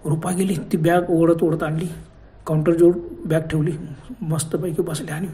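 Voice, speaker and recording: Male horror storyteller, high voice, mellow tone, conversational. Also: little pitch movement, normal speed.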